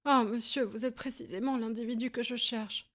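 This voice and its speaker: Woman doing a high, whining little man. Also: a little fast, a little mellow. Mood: eager. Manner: whining, tremulous. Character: small, pale, anxious man, nervous and whining.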